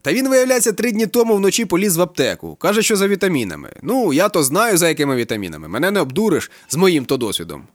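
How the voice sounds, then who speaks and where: A coarse middle-aged police captain ranting and cursing in an audiobook, put on by a male reader. The voice is pushed high and loud, with a lively, swinging pitch. The reading is quick and the sound is close and dry. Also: dry recording. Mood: agitated ranting. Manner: shouting, swearing, rambling.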